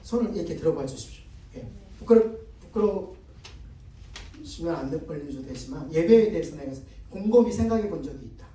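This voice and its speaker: Recorded at a distance in an echoey church hall, a male guest pastor gives a conversational sermon seminar in the sanctuary. His voice is slightly high, expressive, fairly quick and dark in tone, and he regularly prompts the congregation to echo his words and respond to questions.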